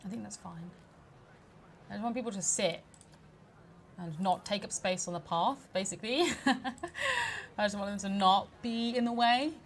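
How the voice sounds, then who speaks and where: A woman's voice: mid-range voice, expressive, measured pace, pauses often, a little hiss or hum. Chatty woman playing a game. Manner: chatty, laughs often, mock-outraged at park guests. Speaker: community manager streaming a game. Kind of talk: casual let's play commentary.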